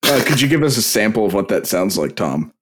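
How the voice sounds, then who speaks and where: A man's voice: lowish voice, sing-song, a little fast, husky. A man co-hosting a podcast, chatting casually and laughing often. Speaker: podcast co-host. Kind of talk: casual comedic chat.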